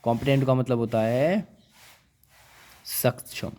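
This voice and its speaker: Slow and somewhat mellow at medium pitch, an English vocabulary teacher gives a classroom lecture. He coaxes listeners, calls them brother and child, repeats words, and quizzes them with repeated questions.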